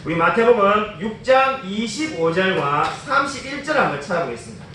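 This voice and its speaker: A man's voice: high voice, very animated, normal speed, sharp tone, slight background noise. A man preaching a sermon as a pastor in a church, with emphatic delivery and many rhetorical questions. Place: church sanctuary. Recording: echoey church, mic at a distance.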